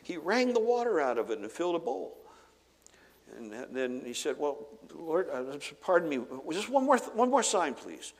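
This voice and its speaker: A pastor preaching a sermon to his congregation, retelling a Bible story with animated, acted-out dialogue. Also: a little high, normal speed. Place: church sanctuary. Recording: long reverb of a large hall.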